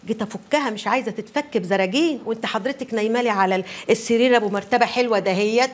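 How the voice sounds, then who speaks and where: Brief: actress as sharp-tongued neighbor woman, quick and high, scolding with folk sayings. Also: close to an everyday voice. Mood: complaining. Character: gossipy working-class neighbor woman, blunt. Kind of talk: TV drama acting.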